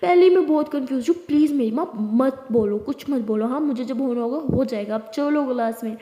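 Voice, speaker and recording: A woman voicing a bubbly, scatterbrained young college woman who chatters excitedly. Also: sits high, a little fast, close to an everyday voice. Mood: flustered. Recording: echoey room with long reverb.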